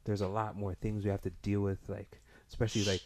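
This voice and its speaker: A man's voice: on the low side, level tone, a little fast, a little mellow. A young man hosting a casual chat, speaking in a hesitant, rambling way with heavy street slang. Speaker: podcast host.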